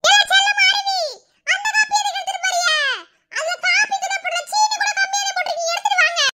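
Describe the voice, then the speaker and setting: A shrill cartoon med student in pain. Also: female voice, fairly even intonation, fast talker. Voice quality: very high, bright girlish voice.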